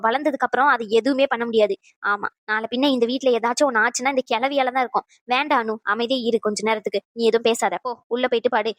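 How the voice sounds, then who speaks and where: A woman's voice: high voice, no echo, clean studio sound, pitched below the performer's own voice, natural voice. A woman voicing a stern, domineering older mother-in-law in a cartoon, scolding and lecturing. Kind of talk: cartoon voice acting.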